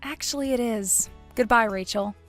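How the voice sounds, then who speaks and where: A woman voicing a cool, cutting young woman who mocks in a dry, measured way, in a read-aloud text story. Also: a little high, faint music behind, lightly acted. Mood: sarcastic.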